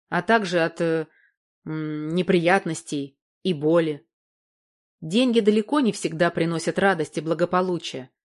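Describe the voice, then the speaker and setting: Woman voicing an older man, fatherly, protective, measured, gently reassuring, audiobook dialogue. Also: lowish voice, natural voice.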